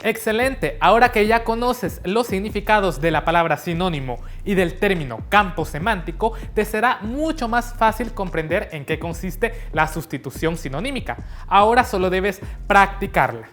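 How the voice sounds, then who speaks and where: A woman narrating a scripted lesson, explaining each point slowly and carefully. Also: medium pitch, lively intonation. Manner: slow, carefully spelled-out teaching. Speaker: teacher. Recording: soft background music.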